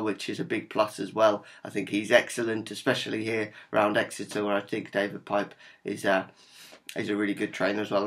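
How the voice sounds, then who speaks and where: A man's voice: on the low side, gravelly. A man with a Norfolk English accent, informally presenting a horse racing tips video in a conversational, upbeat, matter-of-fact way. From Norfolk, England.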